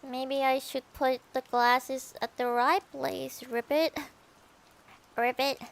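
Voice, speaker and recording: A woman voicing a nervous frog streamer girl who croaks after her sentences, with a high voice. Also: level tone, slow, exaggerated voice. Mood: nervous, playful. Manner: tacks "ribbit" onto sentences.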